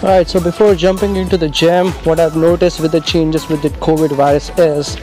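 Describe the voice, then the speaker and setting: A man vlogging casually to a handheld camera, upbeat and halting, with frequent filler sounds. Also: a little high, little pitch movement, dark tone, faint music behind. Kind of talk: casual vlog talk to camera. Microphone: handheld camera mic.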